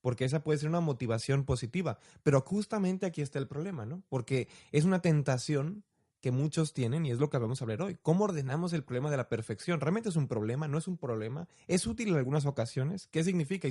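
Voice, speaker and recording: A man's voice: fairly high pitch, expressive, quick pace, dark tone, breathy edge. Young man, reflective. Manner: storytelling, reflective, asks rhetorical questions. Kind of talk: casual conversational chat.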